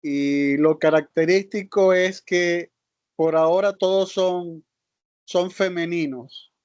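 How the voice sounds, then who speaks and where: A male student speaks up politely in an online class, summing up what he has learned. The call audio is dull and muffled, and his voice is slightly high and dry. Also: darkish tone, no echo. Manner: polite, addresses the teacher formally. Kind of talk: class participation.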